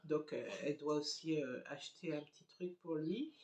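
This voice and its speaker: A woman's voice: low voice, moderate pace, a little mellow. A middle-aged woman chatting casually to her phone camera at home, rambling with many hesitant fillers. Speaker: family vlogger. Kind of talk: casual vlog chat to camera. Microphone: handheld phone camera. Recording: echoey home room.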